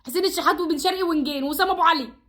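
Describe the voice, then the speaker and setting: A woman's voice: extremely high pitch, very fast, pushed and bright. A woman with an Egyptian Arabic accent, nervous, pleading and exasperated in a heated monologue. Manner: pleading and exasperated, swearing oaths. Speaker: football fan vlogger. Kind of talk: fast, heated monologue addressed to the coach.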